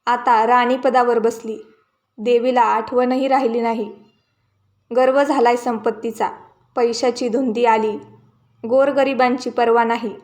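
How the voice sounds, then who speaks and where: A woman's voice: fairly high pitch, level tone, a little slow, pauses often, darkish tone, natural voice. A woman voicing a poor, angry old woman who bitterly scolds a proud queen in a folk tale. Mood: bitter reproach. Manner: bitter, reproachful.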